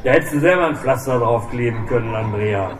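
A man's voice: medium pitch, natural voice. A man doing a mocking backroom doctor. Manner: mocking, drawn-out. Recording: echoey room, distant mic, faint hiss.

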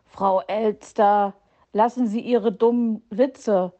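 A woman's voice: on the high side, normal speed, dark tone, lo-fi sound, lightly acted. A woman voicing a tired, irritable male fox who answers with dry retorts, in a storybook reading. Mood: irritated.

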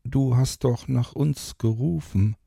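A man voicing a gentle male sandman who speaks in a calm, low, reassuring way. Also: takes it slowly, vocal fry, husky, no echo, studio quality, heavily acted.

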